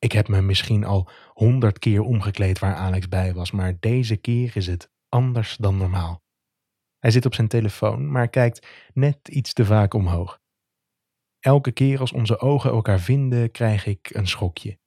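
A man with a lowish, mellow voice reads a romantic first-person story. He keeps it soft, intimate and measured, close and dry with no room around him. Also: no room sound. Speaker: narrator.

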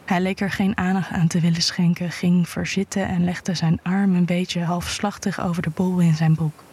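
A woman reading an intimate erotic story aloud in a hushed voice that often drops to a whisper. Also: fairly low pitch, flat delivery, normal speed, slightly rough. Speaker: narrator.

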